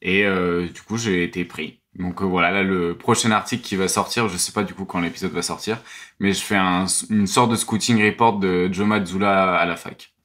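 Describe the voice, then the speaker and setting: A man speaking as a podcast guest in casual chat, with halting phrasing and repeated starts. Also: sits low, steady tone, fairly bright tone. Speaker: podcast guest, basketball commentator.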